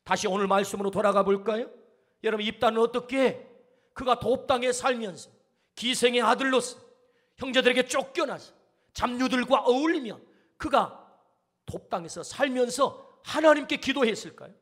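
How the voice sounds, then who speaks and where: A man's voice: very high voice, moderate pace, a bit bright. A male pastor preaching a sermon, emphatic, firing rhetorical questions and calling for amens.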